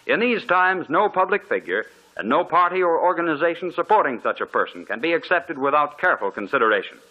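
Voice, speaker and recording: A man's voice: fairly high pitch, big pitch swings, a little fast. A man reading a formal, earnest 1940s radio advertisement, heard as an old radio broadcast. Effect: old radio broadcast sound. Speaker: radio announcer. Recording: muffled old radio recording.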